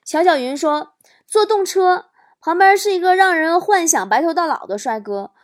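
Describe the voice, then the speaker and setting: High animated woman doing comic monologue. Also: normal speed. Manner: lively, acts out quoted lines with laughs. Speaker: talk show host. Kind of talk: comic monologue telling jokes and anecdotes.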